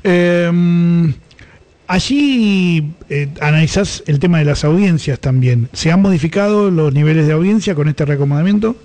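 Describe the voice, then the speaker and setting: A man's voice: fairly high pitch, moderate pace, darkish tone. A male radio host, asking questions in a conversational, hesitant way. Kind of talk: radio interview.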